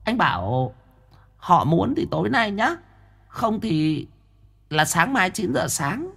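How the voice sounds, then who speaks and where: A man's voice: high-pitched, very animated, slow, gravelly, a bit bright, pitched above the performer's own voice, full character voice. A man voicing a cheeky, greedy young female spirit who whispers and giggles. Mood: scheming whisper.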